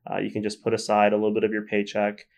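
Man, low gravelly voice, monotone, steady advice with "uh" and "you know". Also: fast talker, highs cut off. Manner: steady advice-giving with many fillers. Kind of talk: casual advice talk.

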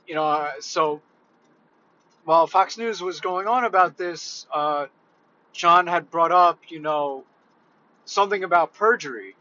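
Hesitant man vlogger, slow and bright-toned, lo-fi recording. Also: fairly high pitch. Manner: hesitant, halting, heavy on fillers. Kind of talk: casual reflective monologue.

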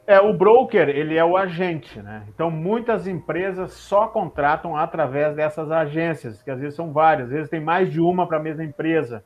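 A middle-aged man, a former airline pilot telling stories in a relaxed interview, using many tag questions. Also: a little high, moderate pace, few pauses, muffled recording. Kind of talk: casual interview chat.

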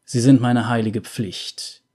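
A man's voice: medium pitch, fairly even intonation, takes it slowly, dark tone, breathy edge. A man playing a harsh old cleric. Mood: stern. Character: old scarred cruel male cleric, harsh.

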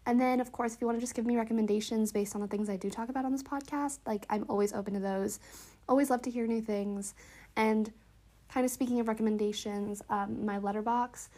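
Stuffy, slightly wheezy higher-voiced woman podcasting. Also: steady tone, brisk, mellow. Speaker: podcast host. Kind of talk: casual solo podcast chat.

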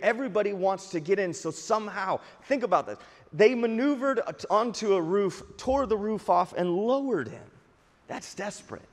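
A man preaching as a pastor, telling a story and varying his pace and loudness for emphasis. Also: high-pitched, long reverb tail. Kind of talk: sermon.

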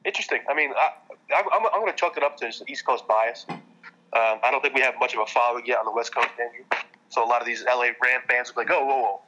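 A man with a very bright, sharp-edged voice co-hosts a football podcast over a tinny, phone-like line. He talks conversationally and stumbles over his restarts. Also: medium pitch, fast talker, slight background noise. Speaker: podcast co-host. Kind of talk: casual sports talk.

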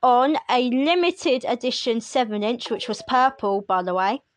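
High-voiced woman reading off chart facts. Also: lively intonation, moderate pace, dry recording. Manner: chatty, wry asides while reading lists. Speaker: music podcast host. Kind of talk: casual solo commentary.

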